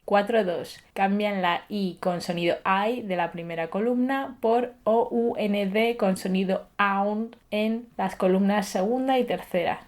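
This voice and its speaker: A woman reading a language lesson aloud as scripted audiobook narration, slowly and deliberately going through lists of words. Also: mid-range voice. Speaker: language teacher.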